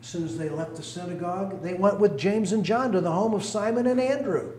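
A male pastor preaching a sermon, animated and swinging between loud calls and hushed asides, recorded in a church sanctuary. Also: sits high, brisk, slight background noise. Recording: echoey room, mic at a distance.

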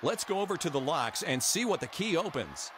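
An emphatic game show host in a video game. His voice is high and very lively, jumping in pitch as he instructs the contestant. Clear game noise runs behind him. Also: a little fast, crowd noise. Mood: upbeat. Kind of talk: game show hosting, scripted.

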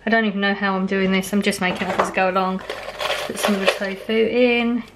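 A woman's voice: mid-range voice, flat delivery, quick pace, noisy background. A woman chatting casually through a home cooking vlog, rambling and poking fun at herself. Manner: chatty, self-deprecating, rambling with fillers. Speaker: vlogger. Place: home kitchen, voice-over on cooking footage.

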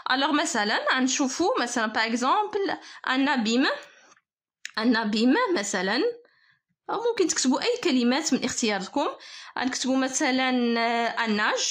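A woman with a Moroccan Arabic accent teaching a spelling lesson, slowly and carefully dictating words for pupils to copy. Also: high voice, a bit bright. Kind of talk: French spelling lesson explained in Darija.

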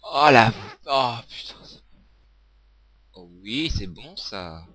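A young man commentating his own gameplay, swearing, shouting at the game, laughing and half-singing to himself. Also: medium pitch, animated, extremely slow, no room sound. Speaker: gaming video creator.

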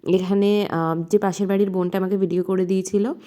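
A woman's voice: mid-range voice, steady tone, fairly quick, dark tone. A young woman narrating her vlog in a chatty voice-over, mixing in English words. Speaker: vlogger narrating her friend's wedding.

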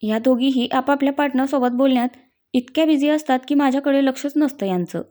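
A woman's voice: high voice, brisk, warm tone, lightly acted. A woman voicing a pouting, sensitive young woman. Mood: plaintive.

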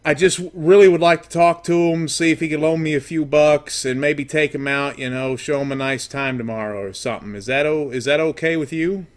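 A man's voice: fairly high pitch, steady tone, close to an everyday voice. Hesitant, rambling estranged father, played by a man. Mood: pleading, rambling. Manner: hesitant, rambling, halting with ums and uhs. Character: estranged, down-on-his-luck father, washed-up rock musician. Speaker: prank caller. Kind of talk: prank phone call.

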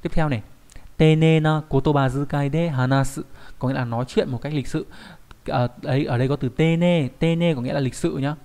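A man's voice: on the high side, fairly even intonation, fairly quick, darkish tone. A young adult man teaching a Japanese vocabulary lesson, explaining patiently and often checking in with rhetorical tag questions.

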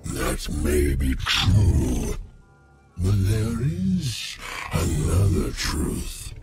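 An actor playing an ancient, menacing shadow creature that snatches children in a video game, speaking with theatrical, mocking politeness. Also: male voice, low voice, wildly swooping pitch, extremely slow, exaggerated voice. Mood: gloating menace. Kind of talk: video game character acting. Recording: loud background music.

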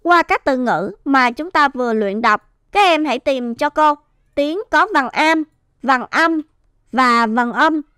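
A woman teaching first-grade reading, sounding out and stretching each syllable clearly for young children. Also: high-pitched, slow, sharp tone, dry recording, studio quality. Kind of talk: slow, clear phonics teaching.

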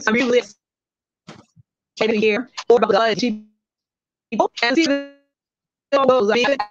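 An excited woman speaks in a fairly high voice. Her call audio is dry and dull, and it keeps breaking up in glitches. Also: takes it slowly, no echo, faint music behind. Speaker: panelist. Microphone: video call.

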